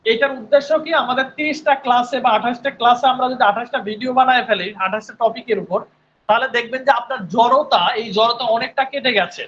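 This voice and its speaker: A man's voice: very high-pitched, quick pace, a bit bright, lo-fi sound, a little hiss or hum. A male English teacher giving an online spoken English class, patiently repeating words and often checking in with his students.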